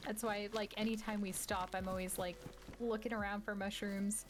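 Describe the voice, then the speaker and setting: A woman's voice: mid-range voice, little pitch movement, moderate pace. Chatty woman gaming over rain noise. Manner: chatty, explains things with many "like" fillers. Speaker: streamer playing a survival game with friends. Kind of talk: casual gaming chat.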